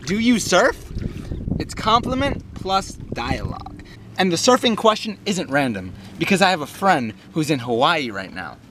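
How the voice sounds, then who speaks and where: Hyped young man vlogging on a boat. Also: sits high. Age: young adult. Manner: energetic, hyped, slangy. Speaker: vlogger host. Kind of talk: motivational vlog talk. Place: small sailboat on open water outdoors. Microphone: camera held at arm's length. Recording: wind and water noise outdoors. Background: wind and water.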